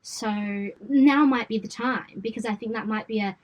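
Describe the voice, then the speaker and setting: A woman's voice: fairly high pitch, moderate pace, rough recording. A woman in her late twenties with a western Sydney Australian accent, speaking candidly and informally as an interview guest. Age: late 20s. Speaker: interview guest, event company founder. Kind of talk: conversational interview.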